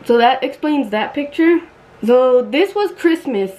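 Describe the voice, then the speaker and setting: A woman's voice: high-pitched, animated, measured pace, warm tone, low-quality recording. A young woman vlogger telling a storytime while getting ready, blunt and chatty, swearing freely.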